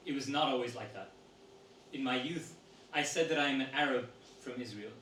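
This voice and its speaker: A man reading a woman's interview answers aloud to an audience in a steady, measured voice. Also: mid-range voice. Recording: roomy sound from a distant mic with faint noise.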